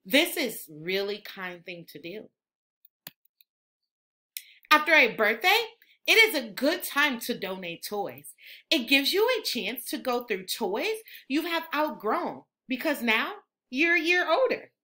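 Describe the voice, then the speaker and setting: Reading a picture book aloud to young children, a woman teacher speaks slowly in a fairly high, bright voice full of lively pitch swings. Her animated read-aloud explains things in an expressive, instructive way.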